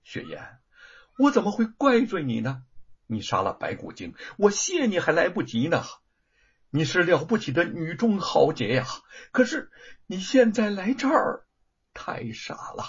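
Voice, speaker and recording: A man voicing a gentle young male scholar who speaks softly and tenderly. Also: high-pitched, wildly swooping pitch, unhurried, slightly rough, dull audio, voice pushed up, exaggerated voice. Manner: soft, tender delivery.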